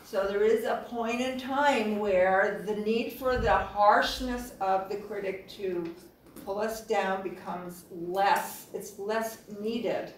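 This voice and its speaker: Calm woman guiding a group, echoey room. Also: mid-range voice, a little hiss or hum. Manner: calm, reflective, with gentle pauses. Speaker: workshop facilitator. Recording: echoey room, distant mic.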